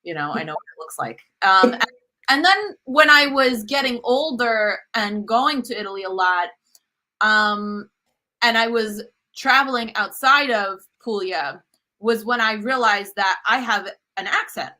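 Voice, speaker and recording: A New York woman who hosts a cooking show appears as a guest in a casual video-call interview from a room at home. Her voice is fairly high, bright and forceful, and she tells stories animatedly at a measured pace, full of fillers and restarts.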